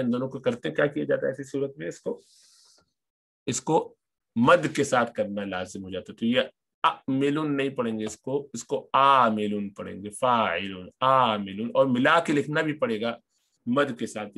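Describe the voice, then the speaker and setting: A man's voice: medium pitch, a bit bright. A man teaching an Arabic grammar lesson, patiently repeating each word form as he explains it.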